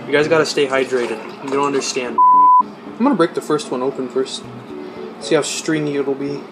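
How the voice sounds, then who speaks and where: A man's voice: medium pitch, fairly even intonation, moderate pace, rough recording. A young man making a casual cooking vlog at home, joking and mocking himself. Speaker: YouTuber. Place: home kitchen. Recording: music playing underneath.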